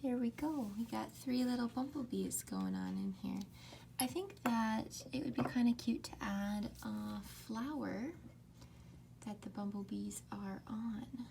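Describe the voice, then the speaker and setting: An art tutorial host whispers softly and unhurriedly through an ASMR drawing lesson. Her gravelly voice sits a little high, and there is background noise.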